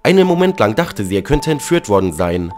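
A man narrating a dramatic story in a lively reading tone. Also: on the low side, a little fast. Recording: faint background music.

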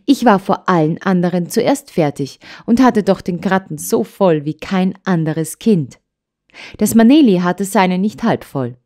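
A woman's voice: fairly low pitch, a little slow. A woman voicing a hot-tempered, stubborn young girl in an audiobook, talking in eager, pleading outbursts. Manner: excited, pleading, tearful outbursts. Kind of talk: audiobook character voice.

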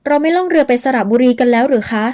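A woman's voice: lively intonation, rapid-fire, darkish tone. A woman doing a jumpy, frightened young woman. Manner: high, pleading and fearful.

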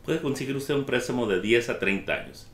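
A man appearing as a loan officer guest, explaining loan terms in a calm, matter-of-fact way. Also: medium pitch, brisk. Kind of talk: explaining loans in a studio talk. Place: studio in front of a slide screen. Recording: echoey studio room.

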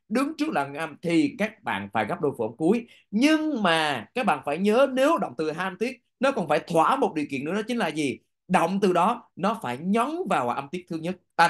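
A male English teacher from Vietnam runs an exam review at a brisk clip. His voice sits a little high and jumps up in bursts as he drills grammar tricks. He keeps checking that his students are following. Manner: repeats "được chưa?" to check understanding; lively teacher's voice with sudden rises.

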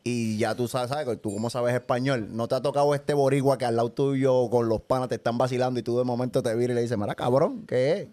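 A man's voice: mid-range voice, level tone, fast talker, few pauses, warm tone. A man with a Puerto Rican accent talking expressively in casual chat.

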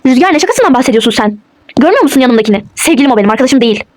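Defiant young wife played by a woman for a toy role-play: high voice, very quick, dismissive retorts. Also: expressive, slight background noise.

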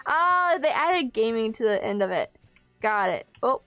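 High-pitched playful young woman streamer. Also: very animated, measured pace, sharp tone, no echo, soft background music. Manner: playful, giggly, exclamatory. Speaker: live streamer. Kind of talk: casual livestream chat with viewers. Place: small room at home, indoors.

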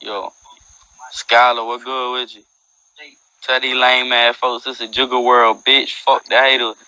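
A young adult hosts a phone livestream from a dim room at night, bantering casually, boasting in loose street slang, and freestyling. His medium-pitched voice shows little pitch movement and keeps a measured pace, sounding pushed and bright. The earbud headset mic yields a dry, low-quality recording.

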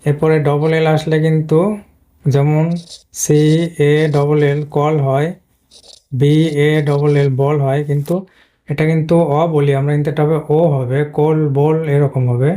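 A male English teacher talks through a lesson on screen. He explains patiently and repeats himself often. His voice is mellow and dark, and it stays on an even, flat pitch. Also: unhurried. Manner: patient, repetitive explaining with frequent "but" fillers. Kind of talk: screen-based video lesson.

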